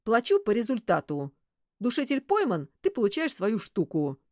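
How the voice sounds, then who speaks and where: A woman's voice: lowish voice, lively intonation, slow pace, darkish tone, no echo, studio quality. A woman voicing a lanky, ill-tempered male detective who grumbles indignantly.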